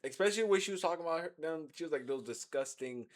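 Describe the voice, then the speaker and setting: A man's voice: on the high side, rapid-fire. An American man co-hosting a movie discussion, reacting in a casual, slangy, conversational way. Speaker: co-host reacting to a film recap. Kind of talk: casual chat.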